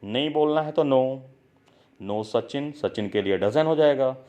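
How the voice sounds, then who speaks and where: An Indian man gives a spoken English lesson, mixing Hindi with English phrases. He talks very slowly and has learners repeat set phrases again and again. His pitch sits in a middle range for a man. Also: warm tone. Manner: slow, drilling, asks learners to repeat.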